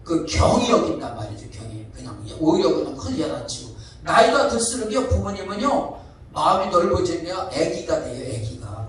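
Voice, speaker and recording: High-voiced male pastor, echoey hall. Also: a bit bright, far from the mic, a little hiss or hum. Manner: asks the congregation questions, emphatic. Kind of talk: sermon.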